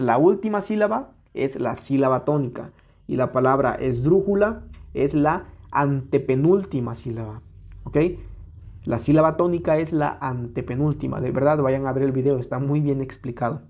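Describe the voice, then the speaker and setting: A man with a Mexican Spanish accent teaches an exam-prep lesson, patiently explaining step by step and sounding words out slowly. His voice is medium-pitched with a darkish tone.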